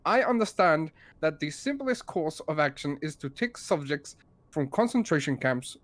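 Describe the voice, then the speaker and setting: A man voicing a stiff male wartime official reading out a letter, in a halting attempted German accent. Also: a little high, expressive, dry recording, close to an everyday voice. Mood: formal. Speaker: streamer.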